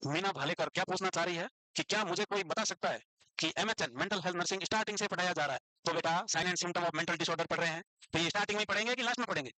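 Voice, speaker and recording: A man with an Indian accent teaching a nursing class online, dictating English definitions slowly and quizzing his students. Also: sits high, bright, forceful tone, no echo, poor audio. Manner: teasing, scolds students playfully.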